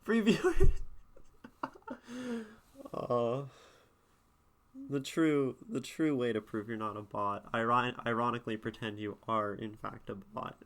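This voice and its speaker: A woman who streams and critiques poetry chats casually as she reads and responds to her chat, rambling thoughtfully and often restarting. Her voice is extremely low-pitched yet animated, at a measured pace with long pauses.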